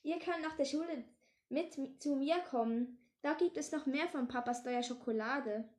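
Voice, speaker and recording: A cheerful, greedy schoolboy who lives for chocolate, read out by a woman. The voice sits high and light and is read plainly rather than acted. It echoes around a bare room. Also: moderate pace, darkish tone, natural voice. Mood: cheeky.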